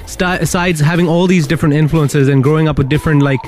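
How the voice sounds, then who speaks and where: A man's voice: fairly high pitch, fairly even intonation, fast, darkish tone, soft background music. A man presenting a radio show in an upbeat, emphatic, hype-filled style as he interviews a guest. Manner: enthusiastic, emphatic, repetitive hype. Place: radio studio.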